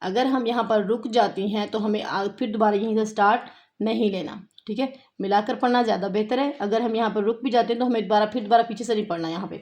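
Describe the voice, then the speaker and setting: A woman with a Pakistani Urdu accent teaching a tajweed lesson, slowly reciting verses word by word and patiently explaining the pronunciation rules. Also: mid-range voice, a little mellow.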